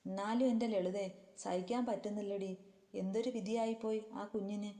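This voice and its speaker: A woman's voice: medium pitch, steady tone, normal speed, mellow, close to an everyday voice. A woman voicing a devout old grandmother who tearfully pleads and prays, with a long reverb on the recording. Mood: wailing. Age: over 60.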